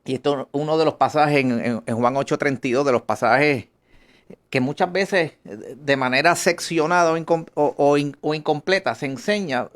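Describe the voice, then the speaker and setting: Puerto rican lawyer pastor on the radio, kinda high voice, lots of stops and restarts. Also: male voice. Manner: halting, many restarts, explanatory. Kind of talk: radio interview talk.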